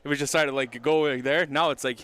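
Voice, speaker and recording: A man calling play-by-play from a stadium booth, upbeat and quick to laugh. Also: medium pitch, fairly even intonation, fairly bright tone, clean tone. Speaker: play-by-play commentator. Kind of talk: live sports commentary. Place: press booth at an outdoor stadium.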